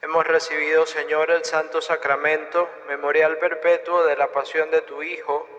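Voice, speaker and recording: A man, a priest leading mass prayers and the blessing in a measured, solemn liturgical manner, his voice ringing with the echo of a large church. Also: on the high side, level tone, a bit bright. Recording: reverberant church, dull lo-fi sound.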